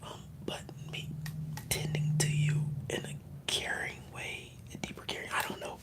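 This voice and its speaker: An ASMR streamer whispering in a casual, rambling, slangy way while chatting on a livestream. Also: normal speed. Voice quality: whispered, mostly unvoiced.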